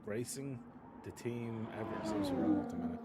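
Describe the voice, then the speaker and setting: A man's voice: medium pitch, big pitch swings, brisk. A man in his thirties co-commentating a race, rambling and searching for his words as he gives opinions. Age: 30s. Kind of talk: casual race commentary chat. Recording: loud background noise.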